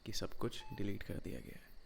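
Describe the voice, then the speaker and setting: A man voicing a loyal, ruthless bodyguard in an audio role-play drama, cold and taunting toward a captive and soft and reassuring with the woman he protects. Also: fairly low pitch, gravelly, a little hiss or hum. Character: loyal, ruthless male bodyguard, tender with his client.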